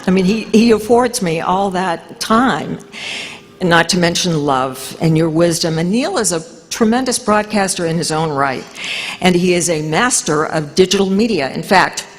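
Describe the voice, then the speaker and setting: A woman's voice: on the low side, moderate pace. A middle-aged woman giving a joking, self-deprecating acceptance speech at an awards ceremony. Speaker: hall of fame inductee giving acceptance speech. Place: large hall at a ceremony. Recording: long hall reverb.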